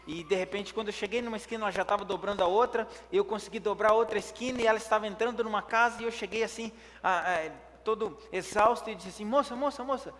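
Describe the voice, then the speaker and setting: A preacher telling a personal story in a sermon. He acts out his own words, picking up in the action and dropping low in prayer. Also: fast talker, few pauses. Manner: lively when telling the action, hushed in prayer. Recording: echoey hall reverb.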